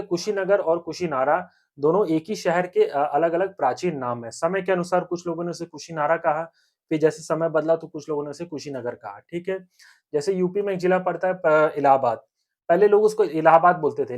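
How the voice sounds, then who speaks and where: A young man teaching a history lesson for exam preparation. He keeps asking questions and answering them himself, repeats key points, and often checks in with the viewers as friends. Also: a little high. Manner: repetitive, asks and answers own questions; frequent 'theek hai friends' check-ins.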